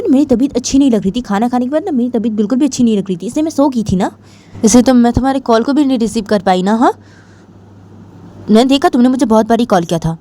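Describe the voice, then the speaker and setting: A woman voicing a young woman lover who hushes and explains at length in a soothing way. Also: a little high, voice pushed up, lightly acted.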